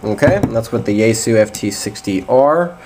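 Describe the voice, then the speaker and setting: A man with a lowish, animated voice talks at a moderate pace while giving a casual, somewhat hesitant hands-on demo of radio gear. He's at a desk in a small indoor room, and the audio is noisy, like an amateur camcorder or phone recording.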